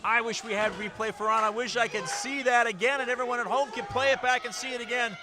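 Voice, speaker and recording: A man calling live play-by-play as a wrestling commentator, with excitable, exclamatory delivery. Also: very high voice, fast. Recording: loud event crowd and music behind. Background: crowd and music.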